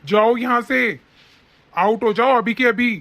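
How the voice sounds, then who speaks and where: A voice actor playing an indignant young husband and son in an animated family story. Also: mid-range voice, measured pace. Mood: stern. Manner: stern, indignant.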